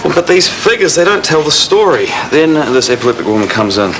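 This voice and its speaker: TV soap defensive male department head, harried, lively intonation, noisy ambience. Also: on the high side, fairly quick. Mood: frustrated, defensive. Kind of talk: naturalistic TV soap acting. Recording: noisy hospital-set ambience.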